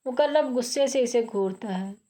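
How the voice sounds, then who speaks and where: Female narrator with an Urdu-inflected accent, fairly high but mellow, steady novel-reading delivery. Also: moderate pace. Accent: Urdu-inflected Hindustani.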